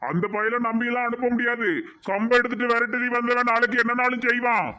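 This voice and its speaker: A woman's voice: on the high side, level tone, a little fast, sharp tone, voice pushed down. A woman voicing a bossy, suspicious old father in a cartoon, with a Tirunelveli Tamil accent and a scolding manner. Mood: angry scolding. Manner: scolding, demanding.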